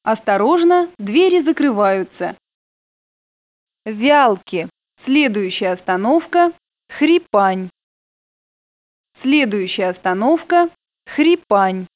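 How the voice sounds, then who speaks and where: A woman's voice: a little high, big pitch swings, no room sound. Woman announcing stops over the intercom. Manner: formal, measured announcing. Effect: over the train intercom. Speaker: train announcer. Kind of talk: recorded stop announcements. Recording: tinny, narrow intercom loudspeaker sound.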